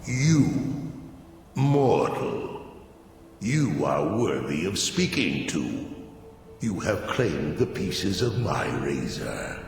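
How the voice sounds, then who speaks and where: An actor voicing an imperious, menacing demon god of destruction in a video game, speaking in commanding, godlike pronouncements. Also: male voice, sits low, big pitch swings, extremely slow, creaky, a little hiss or hum, full character voice. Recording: cavernous echo and long reverb, music behind.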